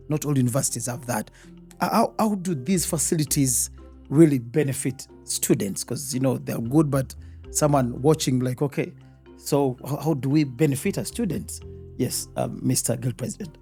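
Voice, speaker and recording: A man's voice: mid-range voice, normal speed, warm tone, faint music behind. A man with a Rwandan accent hosting a student podcast, full of "uh" and eager "wow" reactions. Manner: many fillers, eager reactions. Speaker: podcast host. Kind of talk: casual interview chat.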